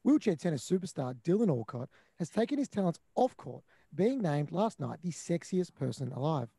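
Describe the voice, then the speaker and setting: A male text-to-speech robot voice from a screen reader, reading a news bulletin in even, mechanical computer diction. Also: fairly high pitch, normal speed, gravelly, breathy edge, no room sound. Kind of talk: synthetic news bulletin read-out.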